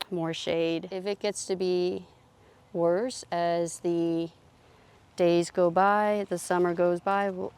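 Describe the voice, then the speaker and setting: Slow, mellow-voiced woman giving a garden tour. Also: lowish voice, smooth. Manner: calm, unhurried, explains plants as she walks. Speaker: gardening vlogger. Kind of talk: casual garden tour narration. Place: home garden outdoors.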